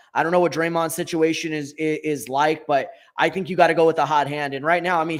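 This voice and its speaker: Sports co-host, a man with a fairly high voice, rambling and self-correcting picks. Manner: thinks aloud, self-correcting. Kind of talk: casual sports talk.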